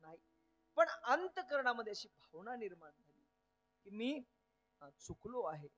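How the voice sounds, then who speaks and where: Brief: male devotional preacher, very high voice, lively storytelling mixed with chanted verse. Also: measured pace, slight background noise. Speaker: kirtan preacher. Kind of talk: devotional kirtan sermon with sung verses.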